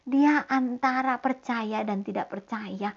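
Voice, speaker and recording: Woman, storytelling for children, lively, talks straight to the kids, dull lo-fi recording. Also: on the high side, slow pace, gravelly. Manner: lively, addresses children directly, acts out voices. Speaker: Sunday school teacher. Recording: dull lo-fi sound.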